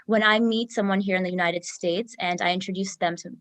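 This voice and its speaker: A woman's voice: mid-range voice, steady tone, a little fast, fairly bright tone, no room sound. Woman, 20s, from Nepal; pageant contestant; earnest, fluent answers; dry close sound. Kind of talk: answering judges' questions.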